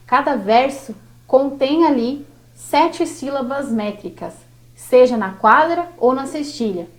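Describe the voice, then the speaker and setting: A Brazilian Portuguese-speaking woman teaching a workshop lesson on verse, slow and didactic, drawing out each syllable. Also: sits high, expressive.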